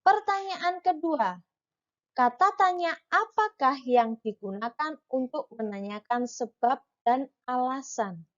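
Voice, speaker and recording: Woman, primary school teacher, patient, marked reading intonation, fairly high voice, muffled lo-fi audio. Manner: patient, slow, reads dialogue with marked intonation. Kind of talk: online reading lesson for children.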